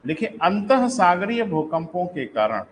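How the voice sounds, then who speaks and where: A man teaching a live online class, explaining in a conversational way, calling his students "beta" and repeating key sentences slowly for them to write down. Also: high-pitched, very animated, slight background noise, rough recording.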